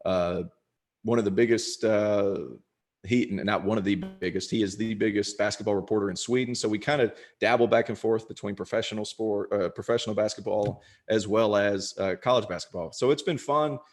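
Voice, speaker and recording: A man's voice: on the low side, brisk. A young man and former college player talking casually in an interview, chatty and self-deprecating, with frequent restarts. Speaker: podcast host and former college basketball player.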